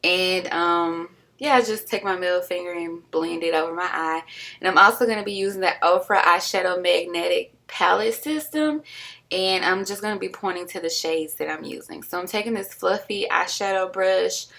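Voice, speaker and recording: Young woman host, low-pitched with vocal fry, casual filler-heavy tutorial voice-over. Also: moderate pace, fairly bright tone. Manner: chatty, full of "like" and "um" fillers; self-deprecating about sloppiness.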